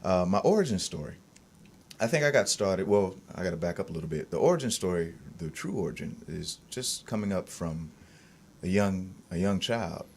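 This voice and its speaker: A man in his thirties, a fitness coach, speaking calmly and smoothly in an interview. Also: sits low. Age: 30s. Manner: calm, smooth, measured. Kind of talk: reflective interview answers.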